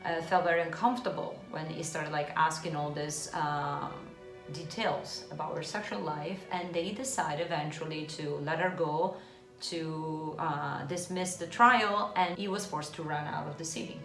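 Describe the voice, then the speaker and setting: A woman co-hosting a chat show as an art historian, explaining at length with hesitant pauses. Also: sits low. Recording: roomy room with faint music.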